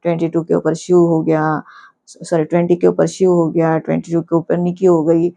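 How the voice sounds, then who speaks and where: A woman's voice: fairly low pitch, completely flat delivery, moderate pace, vocal fry, mellow. A woman casually recapping a reality show episode, indignant at times and retelling scenes through quoted lines.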